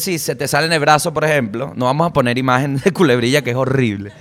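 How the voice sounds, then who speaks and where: A man with a Venezuelan accent hosting a comedy podcast, telling stories in slangy, animated chat, swearing freely and throwing in jokey asides. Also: mid-range voice. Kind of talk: casual comic monologue.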